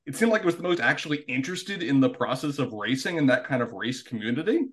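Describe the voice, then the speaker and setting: A man's voice: medium pitch, expressive, fast, fairly bright tone. A man co-hosting a casual podcast, talking in an analytical way with stumbling restarts. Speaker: podcast co-host.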